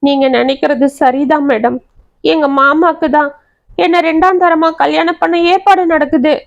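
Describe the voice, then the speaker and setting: A woman's voice: sits high, steady tone, normal speed, creaky, voice pushed up. A woman voicing a distressed young village woman who speaks in earnest, tearful colloquial talk. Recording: dry, slightly dull audio.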